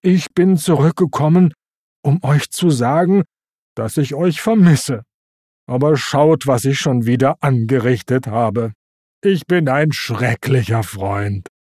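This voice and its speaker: A narrator voicing Pumba, a clumsy and sheepish male warthog, speaking slow and drawn out. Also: mid-range voice, darkish tone, dry recording, clean studio sound. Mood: sad. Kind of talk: storybook reading.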